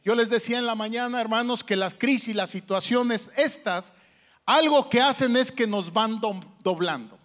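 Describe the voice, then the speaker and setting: A man's voice: very high voice, moderate pace, fairly bright tone. A man preaching a sermon as pastor, asking the congregation questions with strong emphasis. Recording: long hall reverb.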